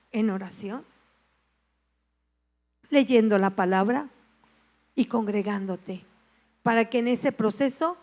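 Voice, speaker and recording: A woman pastor with a Mexican Spanish accent, preaching a sermon and telling a personal story with lively acted-out voices and prayers. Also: fairly high pitch.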